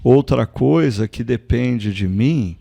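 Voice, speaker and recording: Male pastor from Brazil, low gravelly voice, dry close sound, reflective and hesitant. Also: expressive, slow pace, mellow, no echo. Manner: thoughtful, hesitant restarts. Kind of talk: casual chat.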